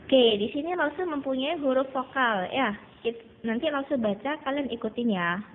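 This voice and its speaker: A woman teaches tones to young students with a fairly high voice, patiently repeating each vowel. The sound is narrow and tinny like a phone line, with a faint hiss behind. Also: normal speed. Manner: addresses students as children. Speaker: Mandarin teacher. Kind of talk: online class lesson.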